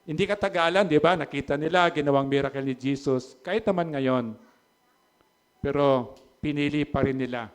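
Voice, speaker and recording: A middle-aged man preaching a sermon as pastor, mixing Tagalog and English, with animated swings from loud to hushed and laughing asides. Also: on the high side, normal speed, clear, resonant tone. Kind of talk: Taglish sermon. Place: church hall.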